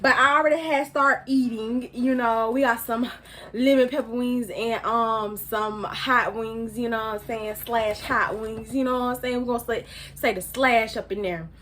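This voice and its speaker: A woman's voice: a little high, fairly even intonation, normal speed, fairly bright tone, a little hiss or hum. A young woman chatting casually in a vlog while eating, mumbling through her food and talking into her phone's front camera. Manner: talks while chewing, mumbling. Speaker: YouTuber.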